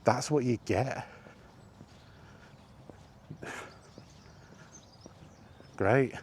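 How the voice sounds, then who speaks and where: Speaking extremely slowly in a mid-range voice, a man vlogging alone about video games launches into an unscripted, exasperated rant. He hammers his points home with rhetorical questions, and a slight background noise is audible.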